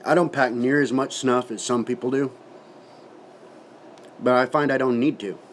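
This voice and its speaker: A man's voice: medium pitch, steady tone, normal speed, slight background noise. A man giving a casual, folksy product review to camera, talking with his lip packed full of dip and swearing now and then.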